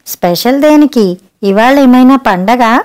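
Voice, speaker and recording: A woman's voice: fairly high pitch, animated, measured pace, darkish tone, smooth. A woman voicing a weary put-upon housewife. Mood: plaintive. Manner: complaining, plaintive.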